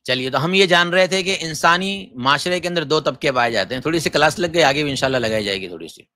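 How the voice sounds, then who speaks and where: A man, a mufti from Gujarat, giving a forceful lecture on religious rules and firing off rhetorical questions. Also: fairly high pitch, animated, no echo. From Gujarat, India. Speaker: mufti teaching Islamic law.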